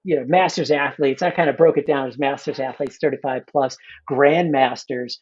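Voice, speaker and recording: A man's voice: medium pitch, fairly even intonation, moderate pace, a little mellow, breathy edge, muffled recording. A man in his fifties, a coach being interviewed, talking in a loose, rambling way full of restarts and "you know". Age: 50s. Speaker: guest coach. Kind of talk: casual interview talk.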